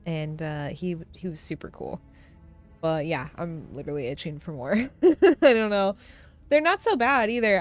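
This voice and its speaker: A woman's voice: mid-range voice, clean tone. A young woman streaming from home and chatting casually on a close desk mic, rambling with lots of fillers and frequent laughs. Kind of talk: casual chat while gaming.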